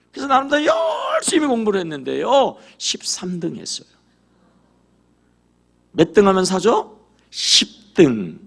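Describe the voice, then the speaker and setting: A man preaching a sermon in a church with a high, gravelly voice. His pitch swings widely as he acts out prayers and quizzes the congregation. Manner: animated, acts out quoted prayers and dialogue; asks the congregation questions. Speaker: pastor. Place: church sanctuary.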